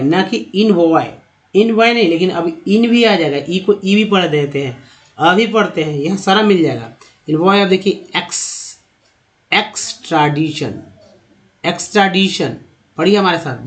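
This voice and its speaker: This slide-based lesson comes from a man whose voice sits high. Answering his own questions as he goes, he also sounds out words slowly, more than once, to model pronunciation.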